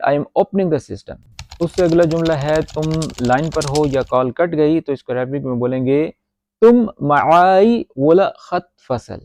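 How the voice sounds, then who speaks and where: A Pakistani-accented man gives an informal language lesson. His voice sits a little high but sounds mellow and warm, recorded dry and close. He explains patiently and repeats each phrase. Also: no echo. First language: Urdu. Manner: explains slowly, repeats words, chatty asides. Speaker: Arabic teacher.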